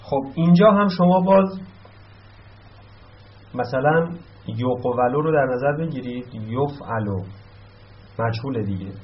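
A man's voice: mid-range voice, lively intonation. Man teaching a grammar lesson. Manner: explains step by step, repeats words slowly. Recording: dull lo-fi sound with faint noise.

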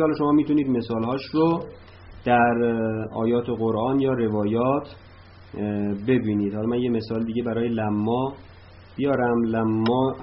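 A man teaching an Arabic grammar lesson, patiently explaining and reciting verb forms in drills, with "uh" pauses between points. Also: medium pitch. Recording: slightly dull lo-fi recording with faint noise.

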